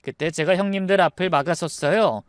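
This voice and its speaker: High-voiced man narrating a story. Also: a little fast, no echo, clean studio sound. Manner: first-person, steady recounting.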